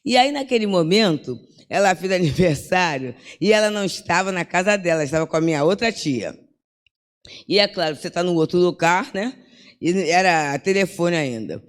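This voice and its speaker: A woman's voice: lowish voice, animated, moderate pace. An older woman giving a religious lecture, talking in a conversational way with frequent tag questions and acted-out bits of dialogue. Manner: conversational, peppers with "né?", acts out dialogue. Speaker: spiritist lecturer. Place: lecture hall at a spiritist center. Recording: long hall reverb.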